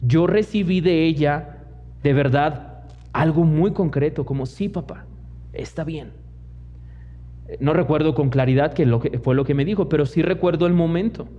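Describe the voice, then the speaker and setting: A young Mexican man preaching in a big church hall, his mellow, fairly high voice carrying a long reverb on a dull, lo-fi recording. He tells stories from his own life and slips into the voices of the people in them. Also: normal speed. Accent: Mexican Spanish. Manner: storytelling preacher who mimics others in quoted asides. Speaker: pastor. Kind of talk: sermon.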